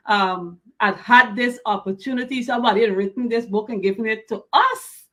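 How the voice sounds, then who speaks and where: A woman's voice: on the high side, moderate pace, a bit bright. A woman hosting an interview, speaking effusively and often repeating her words. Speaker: interview host.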